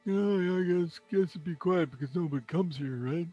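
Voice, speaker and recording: A man's voice: sits high, fairly quick, warm tone, muffled recording, faint music behind. A man playing a tabletop game, talking in a hesitant, stammering, folksy way. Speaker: player voicing Quincy. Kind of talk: tabletop role-play banter.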